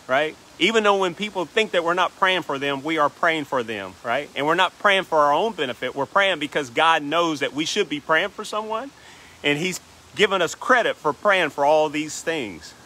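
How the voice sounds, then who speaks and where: A man's voice: on the high side, lively intonation, moderate pace, sharp tone. A man preaching as a pastor, reading King James scripture in a rhythmic cadence and adding "right?" asides. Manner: reads scripture aloud in King James wording. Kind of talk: sermon.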